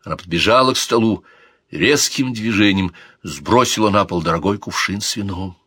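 A man narrating a historical audiobook in an expressive, theatrical reading. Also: on the low side, moderate pace, breathy edge, dry recording, clean studio sound.

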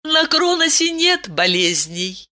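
A woman voicing an ancient princess who is stern yet tender and speaks in a high, commanding, sing-song way. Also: sing-song, takes it slowly, sharp tone, full character voice. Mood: regal, tender.

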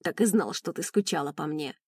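A woman's voice: low-pitched, expressive, a little fast, darkish tone, husky, no echo, clean studio sound, pitched below the performer's own voice, full character voice. A woman doing a smug, cocky henchman. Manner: smug, teasing. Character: cocky, teasing young henchman.

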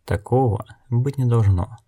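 A man doing a calm blind woman. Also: mid-range voice, breathy edge. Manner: calm, measured, unhurried. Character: calm blind wandering woman, soul collector.

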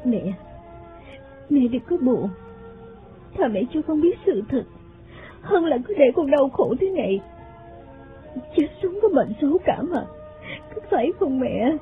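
A man's voice: extremely high pitch, very animated, slow, pauses often, pitched above the performer's own voice, heavily acted. Frail, tearful young woman, voiced by a man. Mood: sorrowful pleading. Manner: soft, tearful, pleading. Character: frail, sorrowful young woman, sickly daughter. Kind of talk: audiobook character voice. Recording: phone-like sound, faint music.

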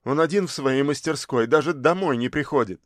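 A man's voice: mid-range voice, brisk, no echo, clean studio sound, natural voice. A man reading an audiobook, voicing a reserved teenage boy who grumbles resentfully.

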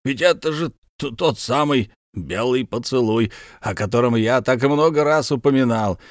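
A man's voice: medium pitch, normal speed, no echo, clean studio sound, pitched above the performer's own voice, close to an everyday voice. A man voicing a blustering, hot-tempered, slightly drunk count who hosts a ball, speaking in effusive, theatrical exclamations. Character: blustering tipsy middle-aged count, host of a ball.

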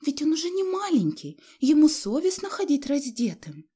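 Brief: a woman playing a frightened downtrodden mother, thin and very high, storybook reading. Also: big pitch swings, moderate pace, dark tone. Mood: anxious. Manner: high, pleading. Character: timid worn-out middle-aged mother.

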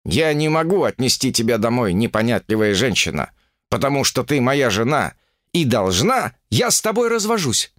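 A man's voice: mid-range voice, very animated, fairly bright tone, no room sound, clean studio sound. A man playing a lofty, arrogant monkey king. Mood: commanding. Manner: slow, lofty, commanding. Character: arrogant male monkey king, proud and stubborn.

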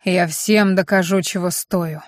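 A woman plays a power-hungry villain mage who boasts with a fanatic's certainty. He speaks slowly and smugly about his plans. The audiobook recording is dry. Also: fairly low pitch, steady tone, no room sound, close to an everyday voice. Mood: fanatical boasting. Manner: self-satisfied, fanatical ranting. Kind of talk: audiobook character voice.

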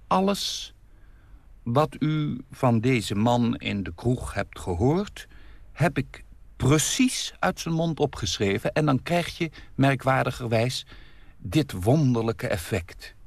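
A man, the author, calmly introducing his own story in a measured, reflective way. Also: mid-range voice, gravelly, no room sound. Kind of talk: spoken introduction.

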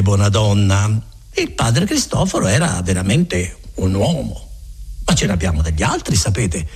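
A man voicing a chatty, kindly friar who talks in a garrulous, folksy, self-assured way, with a husky voice. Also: medium pitch, heavily acted. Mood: reassuring.

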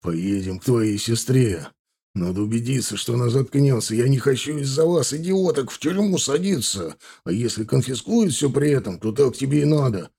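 A man voicing a furious middle-aged husband who hisses his words slowly and menacingly. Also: medium pitch, vocal fry, dark tone, breathy edge. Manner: hissing, menacing, slow.

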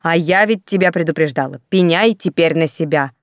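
A woman's voice: low voice, brisk, no echo. A woman voicing a furious stout middle-aged female dormitory warden who bellows and scolds, in a dry recording. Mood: furious scolding. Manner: bellowing, scolding, repeating accusations.

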